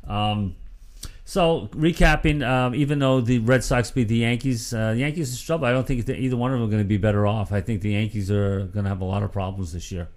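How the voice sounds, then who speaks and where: A man's voice: on the low side, brisk, darkish tone. Man, sports talk host, rambling storyteller, casual chat. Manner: rambling storyteller, acts out quotes.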